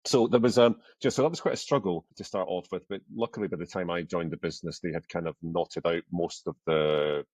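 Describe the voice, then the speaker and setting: A man's voice: deep voice, brisk, few pauses, a little mellow, no room sound, muffled recording. A Scottish man in his fifties, a podcast guest chatting casually, self-deprecating, with lots of fillers and restarts. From Scotland. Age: 50s. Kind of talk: casual interview conversation.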